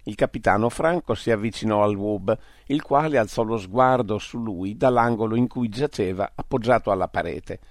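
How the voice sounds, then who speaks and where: A man reading an audiobook story aloud in a steady narrating manner. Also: on the low side, moderate pace, hardly any pauses, dry recording, clean studio sound.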